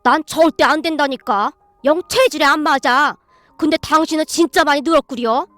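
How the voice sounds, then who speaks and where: A woman's voice: sits high, moderate pace, a bit bright, dry recording, faint music behind. A woman voicing an easygoing older father-in-law who cannot manage to sound fierce. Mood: mild.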